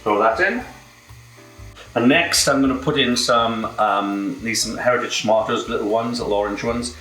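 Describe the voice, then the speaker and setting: A man's voice: mid-range voice, moderate pace, bright, forceful tone, reverberant, soft background music, low-quality recording. A British man with a camp, cheeky manner, casually presenting a cooking demonstration as a home cook. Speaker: home cook presenting own recipe show. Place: indoor kitchen.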